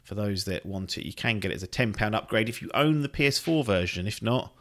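A man's voice: lowish voice, expressive, quick pace, a bit bright. Chatty man, swearing freely. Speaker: podcast host. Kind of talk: casual chat.

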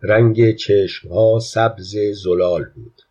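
A man, the author, calmly reading his own short story aloud as audiobook narration with a husky voice. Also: lowish voice. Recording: dull lo-fi audiobook recording.

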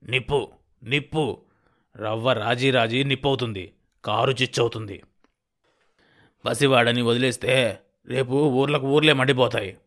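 A man's voice: mid-range voice, steady tone, measured pace, pauses often, a bit bright, close to an everyday voice. A man voicing a scheming, middle-aged male village president who scolds with contempt. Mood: contemptuous.

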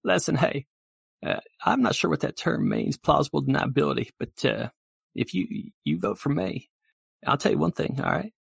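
A man's voice: gravelly, breathy edge, dry recording, heavily acted. A man doing a rambling, crude candidate. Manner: rambling, crude campaign pitch. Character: rambling male political candidate, brash. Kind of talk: improv comedy.

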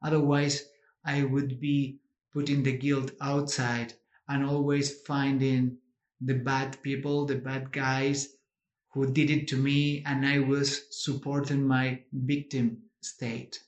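A man from Argentina with an Argentine Spanish accent, a native Spanish speaker, giving an informal personal conference talk in halting, simply phrased English. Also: mid-range voice, flat delivery, echoey room, muffled recording.

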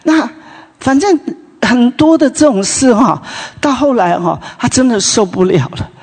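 Brief: preacher at a morning prayer meeting, storytelling sermon, breathy and husky, in a long-reverb room. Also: mid-range voice, animated, measured pace, a little mellow. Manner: chatty retelling, frequent tag particles and restarts.

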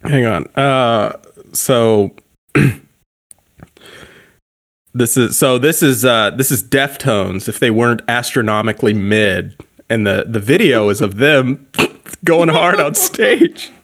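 A man's voice: medium pitch, expressive, slow, pauses often, a bit bright. A man co-hosting a podcast in casual chat, rambling with lots of fillers and swearing. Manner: rambling and profane, lots of "like" and "bro"; easily cracks up laughing. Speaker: podcast co-host.

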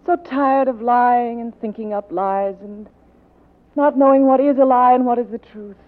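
An actress playing a seductive, evasive femme fatale with a coaxing, dramatic manner in a 1940s radio drama. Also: female voice, on the high side, moderate pace, close to an everyday voice. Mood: weary, seductive. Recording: tinny vintage 1940s radio recording.

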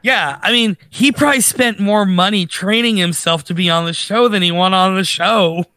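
A man co-hosting a podcast in casual chat, animated and rambling with restarts. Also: high voice, normal speed, dry recording. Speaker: podcast co-host.

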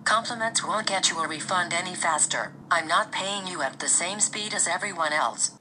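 A woman playing a rude, sarcastic hotline receptionist in a comedy sketch, delivering insults deadpan. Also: fairly low pitch, moderate pace, noisy background, close to an everyday voice. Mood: sarcastic contempt.

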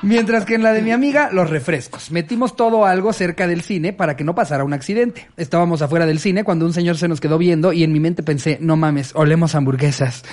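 Mexican man, high voice, podcast host reading stories, laughs often, crude slang. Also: quick pace, few pauses, darkish tone. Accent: Mexican Spanish. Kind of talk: casual chat, reading stories aloud.

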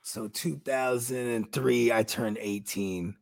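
A man in his thirties with a gravelly, husky voice, rambling through stories in casual chat as a co-host, full of "you know what I mean.". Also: mid-range voice, fairly even intonation, slow pace, dry recording, studio quality. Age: 30s. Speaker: podcast co-host.

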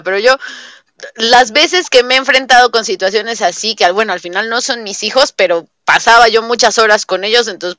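Bright-voiced Mexican woman telling stories. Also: on the high side, no echo. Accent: Mexican Spanish. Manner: animated storyteller, acts out quoted dialogue. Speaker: guest, early childhood teacher. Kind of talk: casual interview conversation.

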